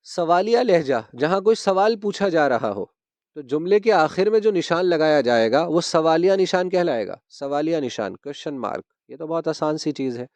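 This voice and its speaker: A man's voice: fairly high pitch, animated, a little mellow, no room sound. A man teaching a grammar lesson, patiently repeating key terms and checking that his students understand. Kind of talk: grammar lesson explaining punctuation.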